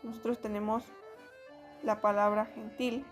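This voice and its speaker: A woman's voice: on the high side, unhurried, soft background music. Woman teaching. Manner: patient explaining, many fillers. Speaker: French teacher. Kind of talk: spoken lesson.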